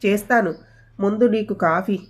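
A woman voicing a gentle, joking middle-aged father who teases his daughters in a storybook reading. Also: medium pitch, moderate pace, close to an everyday voice. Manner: teasing, dry humor.

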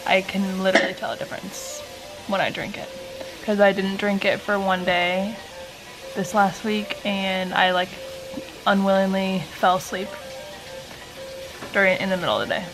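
A woman's voice: mid-range voice, level tone, moderate pace, pauses often, over music. A woman in her twenties chatting casually to her vlog camera at home as a stay-at-home mom. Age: 20s. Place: living rooms at home, indoors. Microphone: camera mic, close or handheld. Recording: noisy home recording, household sounds behind.

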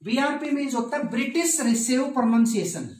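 A woman's voice: high-pitched, lively intonation, a little mellow, reverberant. A woman teaching an English spelling lesson, spelling words out letter by letter and mixing Hindi with English phrases. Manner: explains slowly, spells out letters one by one.

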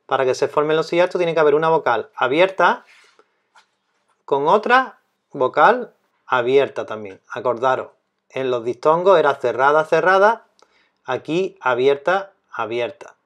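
Man teaching, slow and repetitive. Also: on the high side, expressive, fairly bright tone. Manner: slow, deliberate, repeats key terms. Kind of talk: grammar lesson explanation.

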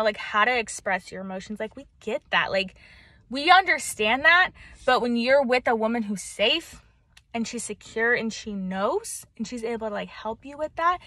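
A young woman vlogging relationship advice outdoors in the mountains, animated and chatty, speaking around braces. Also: a little high, no room sound. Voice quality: talks around braces, sucking back saliva. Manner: animated, chatty, lots of fillers. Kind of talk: casual talk to camera. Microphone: camera.

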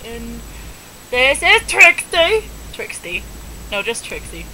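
A woman from Canada chatting casually on a home video, bubbly and given to high sing-song cheers. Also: expressive, moderate pace, bright, forceful tone, a little hiss or hum, low-quality recording. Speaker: vlogger. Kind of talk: casual chat.

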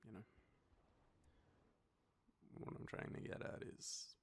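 Into a close microphone, a young Australian man performs an intimate boyfriend roleplay as a shy, nervous partner. He speaks softly and hesitantly, his breathy phrases trailing off. Faint background noise and ambient sound can be heard.

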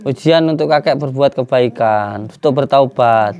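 Man, medium-pitched voice, repetitive soothing pleas, spiritual healer calming someone, quiet murmured prayers. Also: normal speed, muffled recording. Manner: repetitive, soothing, pleading for calm. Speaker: spiritual healer and channel host. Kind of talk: calming a distressed person during a cleansing.

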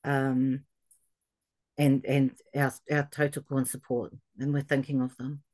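A woman's voice: a bass voice, flat delivery, a little slow, darkish tone, no room sound. A woman speaking hesitantly at a meeting over a video call, mixing in Māori words. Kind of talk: meeting remarks.

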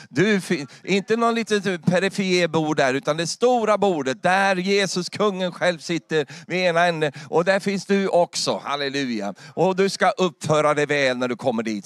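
A man's voice: on the high side, dry recording, studio quality. Fervent Swedish man preaching. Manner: exclamatory, repeats halleluja, rises to loud fervent peaks. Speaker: pastor. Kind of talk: sermon. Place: church.

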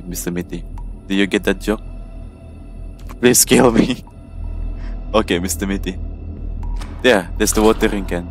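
Male gamer, very low voice, playful let's-play banter to a sidekick character. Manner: jokey, chats to an in-game companion. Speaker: gamer playing a horror game.

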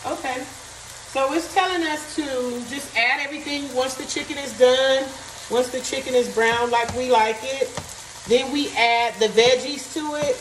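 This high, steady-toned woman speaks at normal speed while cooking in her home kitchen, reading recipe steps and thinking aloud in a casual vlog chat. She's a cooking vlogger, recorded in an echoey room with a distant mic. Frying noise, sizzling and pan stirring fill the background.

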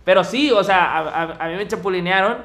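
A young man with a Mexican Spanish accent tells a personal story to a friend in loose, slang-heavy conversation. His voice sits high and sounds bright, almost sharp. He acts out the quoted lines as he goes. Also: brisk. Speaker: podcast co-host. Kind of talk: casual storytelling chat.

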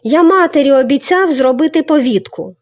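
A woman's voice: sits high, animated, moderate pace, no echo, pitched above the performer's own voice. Woman doing a sleepy tall village boy. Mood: startled. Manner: drowsy, then dutiful. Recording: dull lo-fi recording.

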